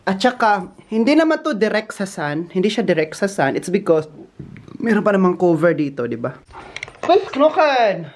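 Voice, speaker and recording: A man's voice: sits high, lively intonation, normal speed. Man vlogger at work, gossipy and giggly, roomy echo on a handheld phone. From Philippines. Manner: gossipy and giggly, laughing often. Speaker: vlogger working at a hotel. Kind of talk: casual chatty vlog. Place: indoors in a hotel.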